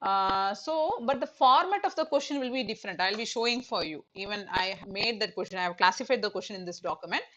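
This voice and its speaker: A woman's voice: medium pitch, lively intonation, brisk, hardly any pauses, fairly bright tone, dull audio. A middle-aged woman teaching an online exam-prep lecture, explaining with many fillers and repeated "okay".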